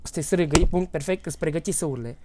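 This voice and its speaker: A Romanian man streaming a horror game live, chatting casually and bursting into loud, panicky repeated shouts. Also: on the high side, noisy background. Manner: panicky, loud outbursts and rapid repeated words. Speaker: gaming streamer.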